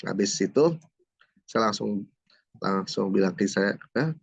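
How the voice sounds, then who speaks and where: A man's voice: fairly low pitch, steady tone, unhurried, vocal fry, slightly rough, dry recording, dull audio. A middle-aged man from Jakarta giving a personal testimony as an interview guest. He tells his story in a storytelling way and acts out the dialogue, tagging his lines with little asides. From Jakarta, Indonesia. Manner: storytelling, acts out dialogue, many "gitu kan" tags. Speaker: guest, certified trainer.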